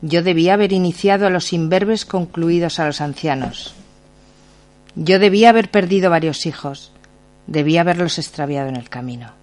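A male radio host reciting poetry in a grave, measured, deliberate reading in a radio studio. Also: fairly high pitch. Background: faint music underneath.

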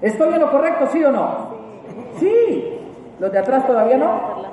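A Colombian man telling a funny personal story to a live audience in a large hall, animated and emphatic and repeating key phrases. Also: extremely high pitch, normal speed, some chatter behind. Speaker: motivational speaker. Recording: echoey hall from far off, faint ambience.

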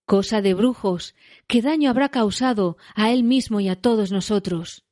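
A woman's voice: medium pitch, normal speed, darkish tone, no room sound, clean studio sound, lightly acted. A woman voicing a stern old male wizard who gives short, firm commands in a storybook reading. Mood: alarmed, stern.

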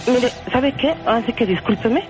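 A woman's voice: fairly high pitch, normal speed, low-quality recording. A middle-aged woman, talking on a radio prank call with insistent, emotional questions. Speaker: prank call victim, caller's mother. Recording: radio broadcast over phone with music.

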